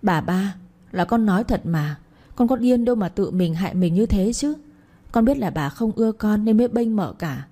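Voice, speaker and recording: A woman's voice: mid-range voice, animated, moderate pace, dark tone, close to an everyday voice. A woman reading the part of a sly young maidservant who pleads in a tearful way. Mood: pleading.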